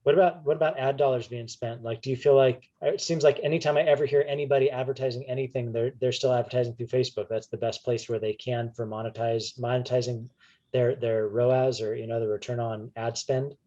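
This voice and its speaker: A man co-hosting a casual interview, asking quick, upbeat questions. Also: mid-range voice, fairly even intonation, dark tone. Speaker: podcast co-host. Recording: dull lo-fi audio.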